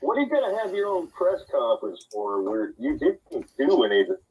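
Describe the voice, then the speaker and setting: A man's voice: fairly high pitch, huge pitch swings, normal speed, noisy background. A man co-hosting a casual talk show, ranting and swearing heavily. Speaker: co-host. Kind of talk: profane casual banter. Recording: distant muffled remote line.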